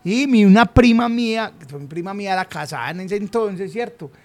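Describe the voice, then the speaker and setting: A young Colombian man from around Medellín co-hosts a podcast, telling a funny anecdote in casual storytelling chat full of slang and sound effects. His voice sits high and is expressive, a little fast, and a little mellow.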